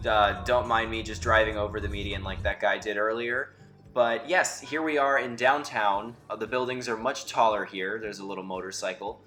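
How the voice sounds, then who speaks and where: A man's voice: fairly low pitch, steady tone, normal speed, sharp tone, soft background music. A young man narrating a casual driving vlog from inside his car, chatty and wry, his voice a bit muffled from a camera mic set away from him. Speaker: vlogger. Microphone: camera mic from a distance, muffled.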